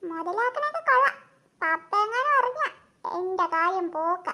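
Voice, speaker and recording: A woman's voice: extremely high pitch, animated, normal speed, bright, forceful tone, full character voice. A woman voicing a cheeky young schoolboy in a cartoon, in a joking, chatty way.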